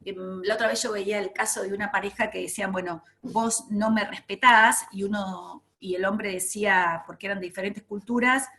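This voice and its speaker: A woman's voice: medium pitch, steady tone, brisk, vocal fry, few pauses, a bit bright. A woman giving an online training lecture, talking in an enthusiastic, emphatic way with many fillers.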